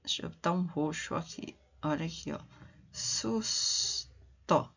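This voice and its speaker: A woman teacher, giving a primary school reading lesson and slowly sounding out syllables one by one. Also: low-pitched, flat delivery, gravelly, breathy edge, highs cut off. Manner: slow and deliberate, sounding out syllables.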